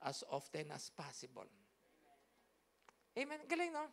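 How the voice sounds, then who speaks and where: A woman's voice: sits low, wildly swooping pitch, unhurried, vocal fry. A woman pastor, telling a story in a sermon with emphatic, repetitive, rhythmic phrasing. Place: church service.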